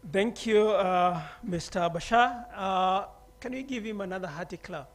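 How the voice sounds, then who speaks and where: High-voiced man coaxing a conference crowd. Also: a little slow, a little hiss or hum. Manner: coaxing, encouraging the audience, many fillers. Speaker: session moderator. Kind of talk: moderating a conference panel.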